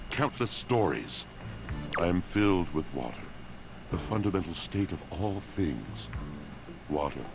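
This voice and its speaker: A melancholy appliance from a dating game, speaking like a storybook villain in a very low voice. The delivery is theatrical and poetic, a grand brooding monologue with prominent music behind it. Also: male voice, expressive, a little slow, gravelly, long pauses, exaggerated voice. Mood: solemn, brooding. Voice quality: deep, villainous voice. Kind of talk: dating sim game voice acting.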